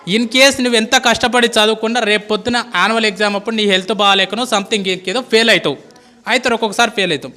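High-voiced impassioned male teacher. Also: sharp tone. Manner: impassioned, pleading, calls listeners "boss". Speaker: school teacher. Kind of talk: motivational speech to students.

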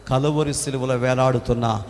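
A man's voice: mid-range voice, fairly even intonation, normal speed, darkish tone. A male pastor telling a story in a sermon, dramatic and emotive in his delivery. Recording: echoey hall, faint background noise.

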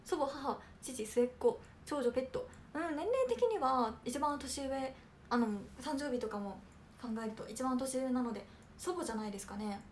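A young woman from Kanagawa hosting a casual livestream, reading viewer comments aloud and answering politely with lots of soft fillers. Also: high-pitched, lively intonation, normal speed, slight background noise. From Kanagawa, Japan. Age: young adult. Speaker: idol trainee hosting a livestream.

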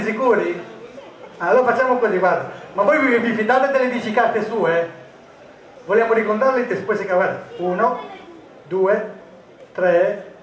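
On stage in a live comic magic show, a man performing as a magician gives jokey, teasing patter to volunteers. His voice sits high, and the echoey, distant stage recording carries slight background noise.

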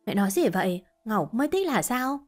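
Woman doing a kind young woman, calm, reassuring, faint music. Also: a little high, moderate pace. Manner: gentle, reassuring.

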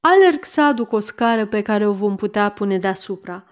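A woman voicing an eager male household servant in an audiobook, speaking briskly and helpfully. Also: mid-range voice, expressive, smooth, lightly acted.

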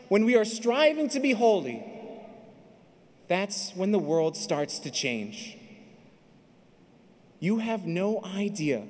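A man in his thirties gives a fervent sermon from a pulpit microphone, his voice high for a man. He builds phrase by phrase to emphatic peaks. The sound carries a long, spacious arena reverb. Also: a little mellow. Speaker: priest. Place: large indoor arena. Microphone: stand mic at pulpit.

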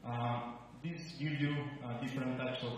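A man in his thirties from Nicaragua giving a conference presentation into a handheld mic, halting with many fillers. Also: medium pitch, steady tone, slight background noise. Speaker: researcher giving a conference talk. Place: large room at a conference. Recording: roomy hall sound from a distant mic.

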